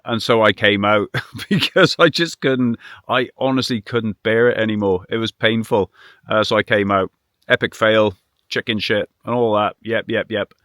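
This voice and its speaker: A man's voice: lowish voice, fairly bright tone, smooth, dry recording, studio quality. A British man chatting casually to camera as a vanlife vlogger, in a rambling, self-deprecating and mildly sweary way. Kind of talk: casual vlog chat.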